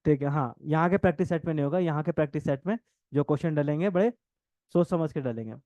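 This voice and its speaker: A man teaching a coaching class, dictating notes and repeating phrases, talking fast and joking with students now and then. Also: on the high side, no echo, lo-fi sound. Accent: north Indian Hindi. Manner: jokes with students, laughs often.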